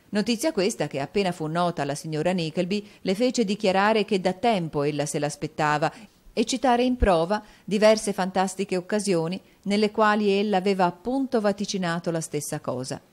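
A woman narrating a classic novel as an audiobook in a measured, even reading manner. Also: mid-range voice.

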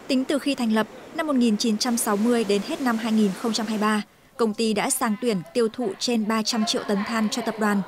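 News voice-over: female, fairly high voice, smooth, even read, faint hiss behind. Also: brisk. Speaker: news narrator.

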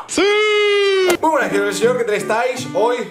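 A man with a Spain Spanish accent rattles off excited gameplay commentary in a high voice, laughing, joking and swearing as he plays. He sounds like he is in an echoey room, with music running under his voice. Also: a little fast, raised voice. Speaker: gaming video creator.

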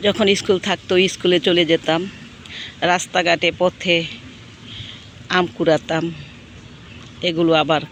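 A hoarse woman with a cold, hosting a gardening vlog and gently telling nostalgic childhood stories from her rooftop garden outdoors. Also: fairly low pitch, level tone, measured pace, long pauses, a little hiss or hum. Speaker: gardening channel host. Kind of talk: casual reminiscing vlog.

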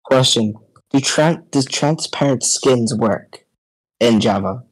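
A young man in a gaming voice chat, teasing and chiming in with quick remarks. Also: mid-range voice, breathy edge, no room sound, low-quality recording. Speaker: stream guest. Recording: voice chat with faint music.

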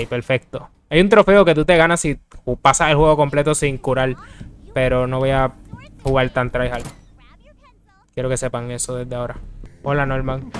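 A man commentating his own horror gameplay for his channel, talking straight to his viewers. He is excitable and quick to break into yelps and shouts. He is recorded close on a desk microphone. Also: mid-range voice. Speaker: gaming channel host. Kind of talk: Let's Play commentary.

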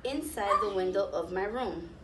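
Seated on the floor in a small classroom, a woman in her thirties volunteers as a story reader, reading a picture book to young children and pausing for explanations and questions. Her voice is medium in pitch. The camera sits a few metres off, giving roomy, distant audio with noticeable background noise.

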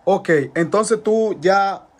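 Hombre de voz alta de tono, entrevistando en tono casual, con exclamaciones y preguntas cortas. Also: male voice, high voice, fairly even intonation, very slow, a crowd in the background. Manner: reacts with exclamations and short questions. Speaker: interviewer. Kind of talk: casual interview.

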